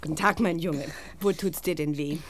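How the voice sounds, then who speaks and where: A woman's voice: sits low, normal speed, no room sound, lightly acted. An actress playing a kindly, puzzled woman doctor in a children's audio drama. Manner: lively and musing.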